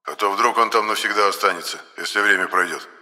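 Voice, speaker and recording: A man gives voice to a grumpy ghost skeleton who speaks bluntly and crudely. The tone is bright and sharp, and a long hall reverb trails each line. It is a character in a read-aloud audiobook. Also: lowish voice, fast talker. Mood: gruff.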